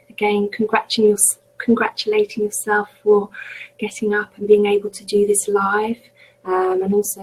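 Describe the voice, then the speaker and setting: A woman teaching mindfulness in a live webinar, speaking gently and reassuringly as she leads a guided meditation. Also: mid-range voice, breathy edge, low-quality recording. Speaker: mindfulness coach. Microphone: webcam or computer mic on a video call.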